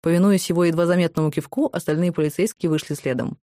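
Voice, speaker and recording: Low-voiced woman reading an audiobook. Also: fast, mellow, no room sound, clean studio sound. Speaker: audiobook narrator. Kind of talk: scripted audiobook narration.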